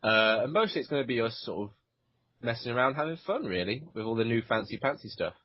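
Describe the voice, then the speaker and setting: A man's voice: mid-range voice, lively intonation, fast talker, slight background noise. A man co-hosting a gaming podcast, talking casually with many fillers and restarts. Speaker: podcast co-host. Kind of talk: casual chat. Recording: dull lo-fi voice recording.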